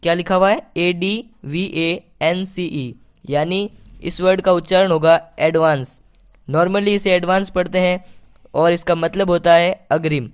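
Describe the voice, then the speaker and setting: A man's voice: high voice, fairly even intonation, unhurried, clear, resonant tone. A man teaching English pronunciation, patiently repeating each point and asking it back as a question. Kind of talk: spoken lesson.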